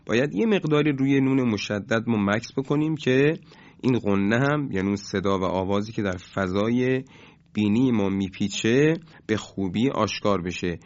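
A man teaching a recorded lesson on Quran recitation, explaining in a measured way with hesitant fillers. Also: on the low side, darkish tone. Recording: dull lo-fi recording.

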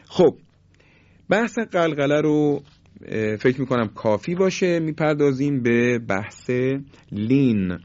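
A man teaching the rules of Quran recitation, stretching out example syllables slowly and emphatically to demonstrate each sound. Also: mid-range voice, lively intonation, a little mellow. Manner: slow, drawn-out demonstration of letter sounds. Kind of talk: tajweed lesson. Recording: muffled lo-fi recording.

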